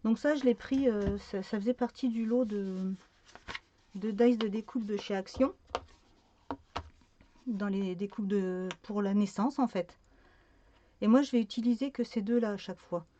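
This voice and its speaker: A woman's voice: medium pitch, measured pace, pauses often, dark tone, lo-fi sound, slight background noise. A woman talking through a card-making tutorial in a casual, hesitant way, with many fillers and self-corrections.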